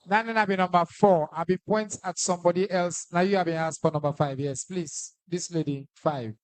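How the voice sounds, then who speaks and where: A moderator with a Sierra Leonean Krio accent, briskly directing questions and joking with the room. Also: mid-range voice, steady tone, dry recording. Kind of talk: moderating a press conference.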